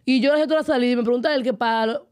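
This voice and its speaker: A young woman with a Dominican accent tells a story with animated energy. Her voice sits high and her talk comes in quick bursts, loose and chatty. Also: clear, resonant tone. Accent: Dominican Spanish. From Dominican Republic. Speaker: podcast co-host. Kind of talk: casual chat.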